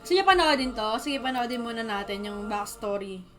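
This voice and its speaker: High-voiced Filipino woman streamer. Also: expressive, a little fast, soft background music. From Philippines. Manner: chatty, reads viewers' comments aloud and answers them. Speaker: livestream host. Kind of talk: casual livestream chat.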